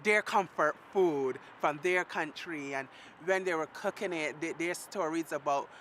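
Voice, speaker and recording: A woman from Barbados, speaking in a documentary interview, emotional and halting, laughing softly through hard memories. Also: low-pitched, a little hiss or hum.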